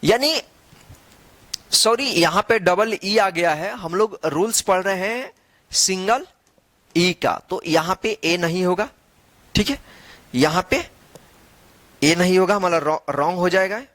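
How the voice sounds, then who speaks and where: A male English teacher giving a classroom-style lesson. He spells letters out slowly and answers his own questions. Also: sits high, fairly bright tone, no room sound.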